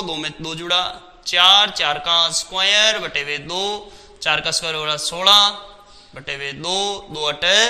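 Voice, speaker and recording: Man, maths teacher, high bright voice, answers his own questions, reverberant room. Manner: asks questions and answers them himself, repetitive. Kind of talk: step-by-step maths lesson.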